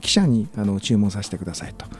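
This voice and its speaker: A man lecturing on business in a radio talk, relaxed and full of fillers, slowing down to sound out examples. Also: fairly low pitch, faint music behind. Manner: relaxed, many fillers, slow careful English examples. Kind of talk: radio lesson chat.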